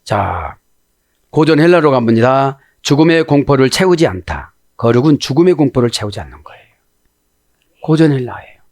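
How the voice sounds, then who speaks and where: Man, pastor, sermon, lively swinging pitch, acts out prayers, asks the congregation for agreement. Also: moderate pace. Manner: animated preaching, acts out prayers in a pleading voice.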